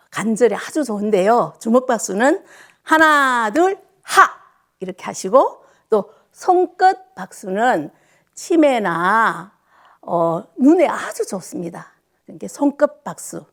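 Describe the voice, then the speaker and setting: A woman instructor leading older students through a clapping exercise class, cheerful and counting out loud with sharp shouts. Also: fairly high pitch, very animated, measured pace, creaky.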